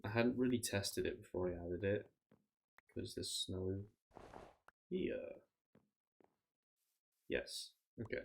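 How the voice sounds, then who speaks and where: Tired low-voiced man rambling while gaming. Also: slow, creaky, pauses often, a little hiss or hum. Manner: rambling, self-interrupting, swears casually. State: voice going hoarse, tired. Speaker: streamer. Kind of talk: casual gameplay chat.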